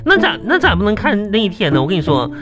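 A woman's voice: medium pitch, big pitch swings, fast, music in the background. A woman with a Northeastern Mandarin accent performing a comic dialogue, chatty and full of exaggerated, theatrical exclamations.

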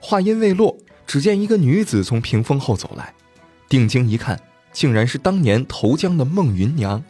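Lively, husky male storyteller. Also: mid-range voice, normal speed, soft background music. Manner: lively and colloquial, acts out voices. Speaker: podcast storyteller. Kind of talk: animated storytelling of folk tales.

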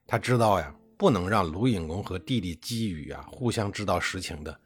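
A male history storyteller with a low, husky voice that rises and falls expressively. He narrates in a chatty, colloquial way, stretching out the ends of his phrases. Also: animated. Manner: colloquial, chatty, with drawn-out particles.

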